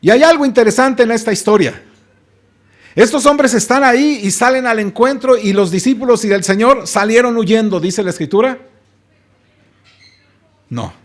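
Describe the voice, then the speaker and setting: A male pastor delivers a sermon in a rather high voice. He preaches with emphasis, often pausing to ask his listeners rhetorical questions and addressing them warmly as brothers.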